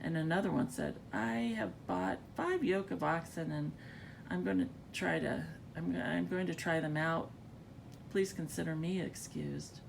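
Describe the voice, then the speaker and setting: Gravelly, just-woke-up woman reading aloud. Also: a little slow. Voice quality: gravelly, creaky. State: just woke up, groggy morning voice. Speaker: scripture reader. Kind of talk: reading scripture aloud, informal. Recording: rumbly background noise.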